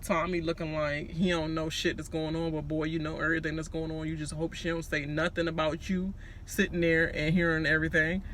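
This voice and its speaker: A man's voice: fairly high pitch, level tone, brisk, a bit bright, a little hiss or hum. A man with a Washington, D.C. accent gives a casual, gossipy recap with sassy, slangy, profane commentary. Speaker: reality show recapper.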